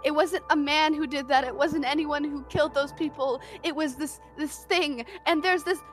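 A woman's voice: high voice, steady tone, moderate pace, faint music behind, close to an everyday voice. Woman playing Millie, a desperate swearing teen girl. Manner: raw, pleading, swearing. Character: scared desperate teenage girl pleading. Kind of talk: tabletop role-play.

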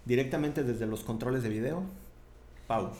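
A man's voice: mid-range voice, normal speed, echoey room. A man with a Mexican accent preaching a sermon in a chatty, conversational way, often tagging his sentences with questions. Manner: conversational, animated, tag questions.

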